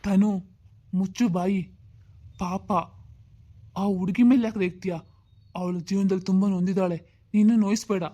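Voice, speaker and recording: A woman voicing a young husband in an animated drama, earnest and defensive. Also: mid-range voice, moderate pace, pauses often, close to an everyday voice. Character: young husband, gentle and pleading.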